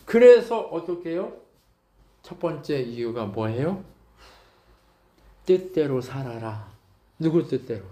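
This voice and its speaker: A man's voice: medium pitch, sing-song, slow pace, pauses often, mellow. A male pastor preaching a sermon, often asking the congregation questions and acting out bits of dialogue. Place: church sanctuary.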